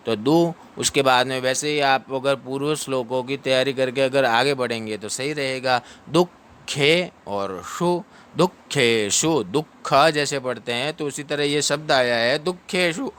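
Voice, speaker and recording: A man teaching Sanskrit verse pronunciation, stretching each syllable out slowly between brisk explanations. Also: mid-range voice, fairly bright tone, clear, resonant tone. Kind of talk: patient pronunciation lesson.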